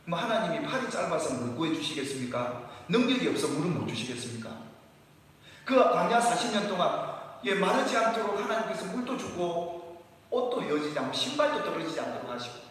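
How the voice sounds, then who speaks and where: Male pastor preaching, slightly high voice, lively delivery, distant mic in a reverberant church hall. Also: brisk. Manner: animated preaching, often acts out complaints as questions. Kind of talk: sermon.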